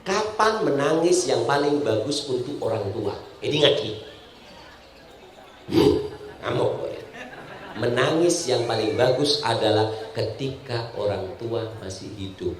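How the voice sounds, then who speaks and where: A man's voice: medium pitch, lively intonation, measured pace. A man with a Madurese accent preaching a humorous sermon, speaking straight to his congregation and mixing jokes with teaching. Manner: addresses the audience directly, mixing jokes and teaching. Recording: echoey hall sound.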